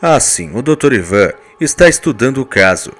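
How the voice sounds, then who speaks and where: A man voicing a calm, firm estranged husband, speaking soft, low and steady. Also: moderate pace, faint music behind.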